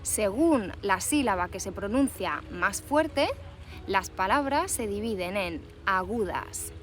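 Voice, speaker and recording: A young woman teaching an online language lesson, stressing syllables clearly and emphatically. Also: mid-range voice, lively intonation, takes it slowly. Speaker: Spanish teacher. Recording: loud background music.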